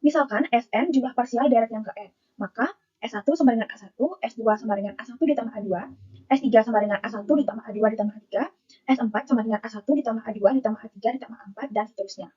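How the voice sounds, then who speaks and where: A woman's voice: fairly high pitch, very fast, mellow, slightly rough, highs cut off. A young woman, a university student, reads her math lecture notes aloud and works through the formulas one term at a time.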